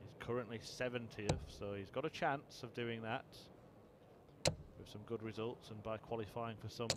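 Even-toned male darts commentator. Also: medium pitch, moderate pace, heavy background noise. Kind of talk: sports commentary on a darts match.

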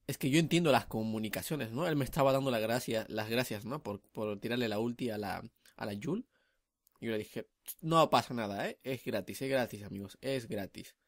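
A young man, chatting excitedly while commentating his own gameplay, full of tag questions. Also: medium pitch, gravelly, no echo, clean studio sound. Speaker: gamer commentating his match.

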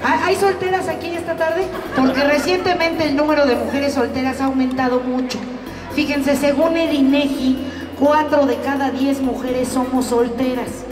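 A woman with a Mexican accent performing a high-energy stand-up comedy routine as host, teasing the audience. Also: fairly even intonation, moderate pace, roomy sound, big-room sound, far from the mic, music in the background, a crowd in the background. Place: live comedy venue with an audience.

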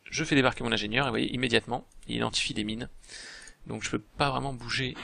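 A man with a heavily gravelly, creaky voice talks through a strategy game as he plays. His tone is bright and forward, and he thinks aloud in a relaxed way, often pausing to hesitate. Mouse clicks tick along behind him. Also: mid-range voice, dry recording. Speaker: game video host. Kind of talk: casual gameplay commentary.

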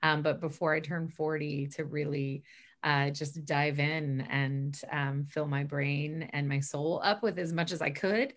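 Low-voiced chatty woman on a video call. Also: steady tone, measured pace. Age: 30s. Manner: chatty, upbeat, lots of fillers and asides. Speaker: stage manager and professor, interview guest. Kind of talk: casual video-call interview. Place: small bedroom at home. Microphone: laptop webcam mic on a video call.

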